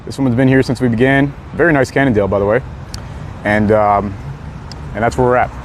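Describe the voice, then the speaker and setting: A young man chatting casually on a live stream outdoors on a city street, laid-back and quick to laugh as he reads out chat messages. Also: medium pitch, little pitch movement. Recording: faint street noise outdoors.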